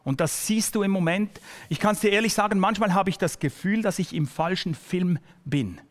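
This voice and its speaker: A high-pitched male pastor preaches to his congregation in a large hall. Addressing the listener in a direct, personal way, he often slows and lowers his voice almost to a whisper for emphasis.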